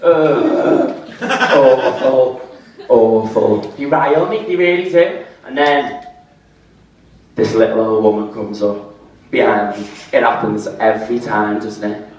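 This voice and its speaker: A man doing a stand-up set, deadpan at times and rising into exasperated rants. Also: medium pitch, takes it slowly. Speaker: stand-up comedian. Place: comedy pub venue with audience. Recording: echoey room, voice from far off.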